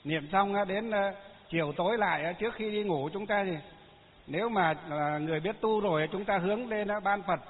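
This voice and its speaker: High-voiced monk, tinny hall. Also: male voice, brisk. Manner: folksy, chatty storytelling with frequent fillers. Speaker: Buddhist monk. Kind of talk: Dharma talk with anecdotes. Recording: tinny phone-like sound in a long-reverb hall.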